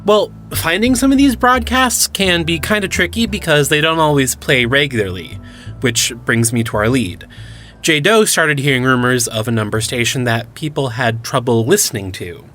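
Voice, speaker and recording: A man's voice: medium pitch, normal speed, sharp tone, faint music behind, lightly acted. An actor playing an enthusiastic young male cryptid hunter who explains things eagerly in an audio drama. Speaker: lead character.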